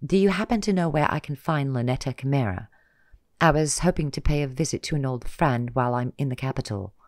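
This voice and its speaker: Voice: medium pitch, brisk, no room sound, clean studio sound, lightly acted. A reader doing a defiant young woman cadet. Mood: polite. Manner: fierce, clipped defiance.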